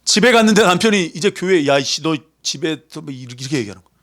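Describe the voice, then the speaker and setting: A man preaching a sermon in a lively, conversational way, acting out voices as he goes. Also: fairly high pitch, fast talker. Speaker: pastor.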